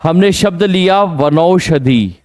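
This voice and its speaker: A man teaching Hindi grammar in an exam coaching lesson, quizzing students on pronunciation and drawing out key words slowly. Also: a little high, animated, a little mellow, no room sound, clean studio sound. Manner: drills pronunciation with repeated questions to students.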